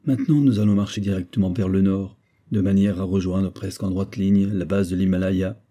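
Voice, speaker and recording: Man reading a calm engineer. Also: low voice, fairly quick. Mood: measured.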